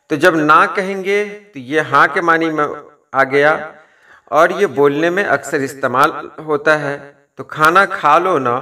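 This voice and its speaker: A man giving a measured lesson, explaining word usage and quoting verse and example phrases. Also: a little high, pushed and bright. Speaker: language teacher. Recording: distant from the mic.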